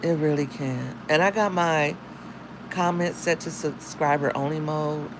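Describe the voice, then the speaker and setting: Recorded on a phone with background noise, this livestream features a woman with a husky, deep morning voice. She's a single mom and content creator talking unhurriedly and casually to viewers, with chatty, slangy side comments.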